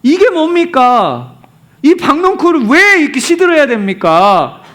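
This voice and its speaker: A man's voice: very high-pitched, wildly swooping pitch, measured pace, fairly bright tone, voice pushed up, full character voice. A man doing an irritable sulking prophet. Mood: complaining. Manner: whiny complaining outbursts.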